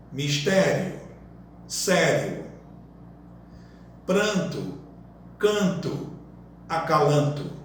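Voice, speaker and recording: A man giving a slow lesson, listing example words one by one and explaining each. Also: a little high. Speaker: workshop teacher. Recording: echoey room from far off, faint noise.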